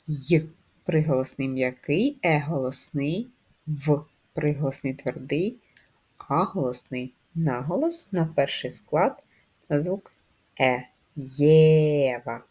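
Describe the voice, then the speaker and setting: A woman's voice: sits low, animated, darkish tone. A woman teaching a first-grade handwriting lesson, giving patient, carefully spelled-out instructions to children. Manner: slow, patient, clearly articulated instructions.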